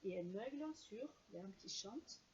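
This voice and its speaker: A woman teacher giving a slow, clear reading lesson to young children and carefully sounding out each syllable. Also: mid-range voice, animated, darkish tone, highs cut off, a little hiss or hum.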